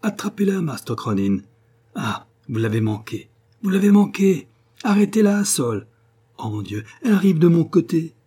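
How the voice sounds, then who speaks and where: A man reading aloud and voicing an excited, breathless young woman, the heroine of the story. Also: moderate pace, slightly rough. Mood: excited shouting. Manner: high-pitched and breathless.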